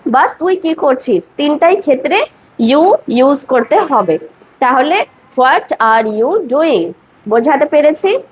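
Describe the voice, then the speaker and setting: A woman teaching a spoken English lesson, explaining patiently, repeating example sentences slowly and often checking that her students have understood. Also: high-pitched, a little hiss or hum.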